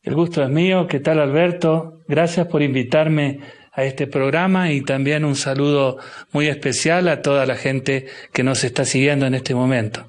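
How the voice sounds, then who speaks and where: Argentine bishop, slow and thoughtful. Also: male voice, medium pitch, steady tone. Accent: Argentine Spanish. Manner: slow, thoughtful, with frequent restarts and fillers. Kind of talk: interview guest.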